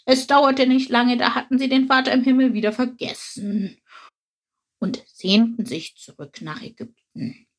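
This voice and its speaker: A woman voicing a proud, grumpy old male dung beetle who speaks gruffly and explains things patiently. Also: on the high side, unhurried, voice pushed up. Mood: explaining. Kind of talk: storybook reading.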